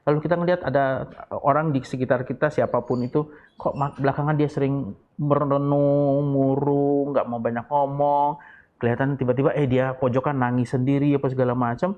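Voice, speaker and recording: A man's voice: medium pitch, steady tone, fairly quick. Male psychiatrist guest, chatty, plays out example conversations, muffled lo-fi audio. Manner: acts out little dialogues in raised voices. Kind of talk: casual explanatory talk.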